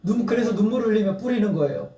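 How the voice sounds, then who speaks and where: Preaching in a church sanctuary, a male pastor talks fast in a high, warm voice. His earnest sermon rises to emphatic appeals and he breaks into laughter at times. The mic sits at a distance, capturing the hall's echo.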